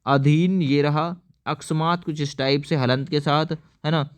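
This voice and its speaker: A man's voice: fairly high pitch, fairly even intonation, measured pace, clean tone. A man teaching an exam-prep lesson, explaining each answer step by step and often asking viewers to answer.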